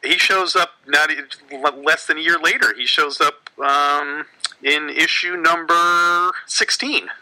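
A man's voice: fairly high pitch, fairly even intonation, measured pace, bright, forceful tone, poor audio. A man in casual chat who speaks hesitantly and fills his talk with uhs.

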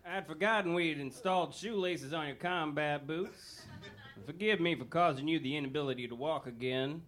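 A man's voice: a little high, normal speed, a bit bright, lightly acted. A man playing a dryly sarcastic gadget inventor in a comedy script reading. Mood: dry sarcasm.

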